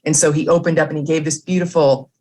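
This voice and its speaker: A woman, a leadership author and coach, explaining her ideas earnestly and warmly as an interview guest. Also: sits low, fairly even intonation, fast.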